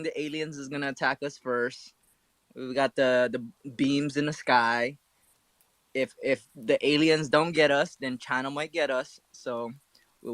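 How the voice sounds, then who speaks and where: A man with a medium-pitched voice and a dry sound chats casually with friends. His talk is slangy and bro-ish, like a frat guy. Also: pushed and bright, dry recording. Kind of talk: casual group chat.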